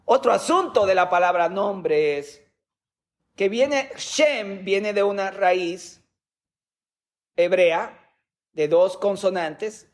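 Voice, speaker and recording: A man preaching a sermon as a pastor, teaching with rhetorical questions and sometimes repeating words as he goes. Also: high-pitched.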